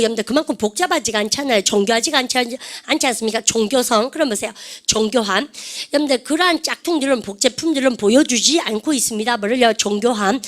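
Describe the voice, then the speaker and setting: This fairly high-pitched woman teaches English grammar online, constantly quizzing her class and leading spoken drills of English words.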